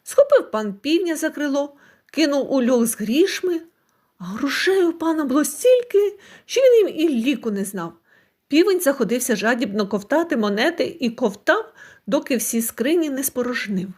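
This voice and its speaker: A woman storyteller reading a folk fairy tale aloud in an expressive, scripted narration. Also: high voice, normal speed.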